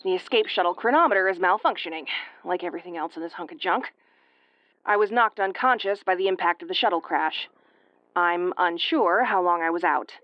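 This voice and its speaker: In an audio roleplay, a woman voices an injured, sarcastic starship first officer recording a log monologue, sounding woozy, battered, weary and wry. Her natural voice is fairly low and fairly quick, with a tomboyish, exasperated delivery; the audio is dull with no room sound.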